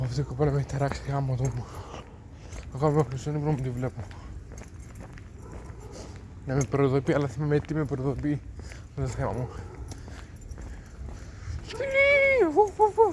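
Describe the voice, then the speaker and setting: A man's voice: medium pitch, steady tone, long pauses, warm tone. Male vlogger, casual monologue, frustrated and swearing under his breath, outdoors at dawn, heavy street noise. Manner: frustrated, swearing, muttering to himself; keeps his voice down. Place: outdoors on a cold early morning. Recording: noisy outdoor ambience with dogs and traffic.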